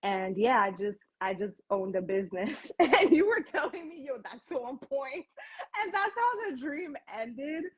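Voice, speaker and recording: A woman hosting a casual livestream chat over a video call, animated and slangy, laughing often. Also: sits high, moderate pace, hardly any pauses, breathy edge, highs cut off. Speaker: host.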